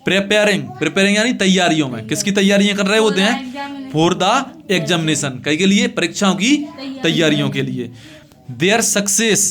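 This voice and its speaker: Over music, a high-pitched, animated man with a north-central Indian accent leads an English lesson in Hindi, reading phrases slowly and rendering them chunk by chunk. He repeats things and asks questions only to answer them himself.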